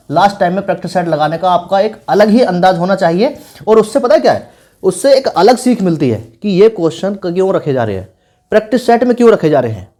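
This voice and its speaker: An online teacher gives informal exam coaching advice, repeating points instructively and checking in often with tag questions. The voice is mid-range with a dark tone.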